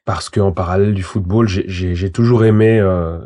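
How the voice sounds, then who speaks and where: A Swiss lawyer in his thirties answers interview questions hesitantly, full of fillers and restarts. His voice is low, mellow and steady, at a normal speed.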